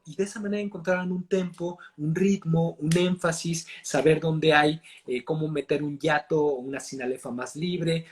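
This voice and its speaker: Animated Mexican man, voice coach. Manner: animated, explanatory, fast shifts in pitch and loudness. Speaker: acting and voice coach, guest. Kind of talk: casual interview chat.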